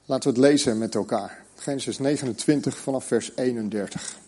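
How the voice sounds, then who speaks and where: Husky Dutch-speaking preacher man. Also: mid-range voice, warm tone. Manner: pausing slowly on key words. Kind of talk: sermon with scripture reading.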